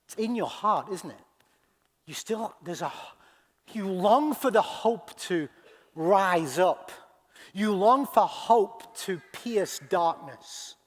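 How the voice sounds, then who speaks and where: Preacher with dramatic swings in a church hall. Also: male voice, sits high, animated. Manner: dramatic swings from hushed to loud crying out; slow, deliberate delivery with long pauses. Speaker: pastor. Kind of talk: sermon. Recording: long hall reverb.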